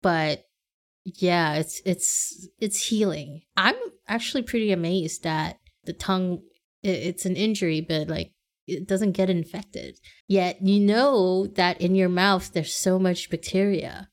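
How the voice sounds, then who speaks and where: A woman's voice: fairly low pitch, fairly even intonation, a little slow. A woman co-hosting a laid-back podcast, talking with a slight lisp from a bitten tongue. She takes her time and breaks into giggles often. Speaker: podcast co-host. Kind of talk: casual chat.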